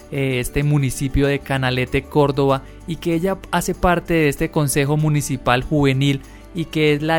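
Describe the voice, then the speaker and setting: A man hosting a radio program, asking interview questions in measured, formal phrasing. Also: mid-range voice. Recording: muffled radio audio, faint music behind.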